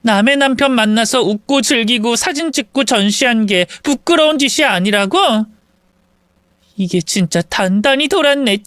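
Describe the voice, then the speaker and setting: A spiteful young mistress, as a woman narrator puts her on, sharp and scornful, her voice pitched up high and swinging wildly. The recording is clean and dry in this audio story. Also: very animated, measured pace, long pauses, no room sound, heavily acted. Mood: accusing.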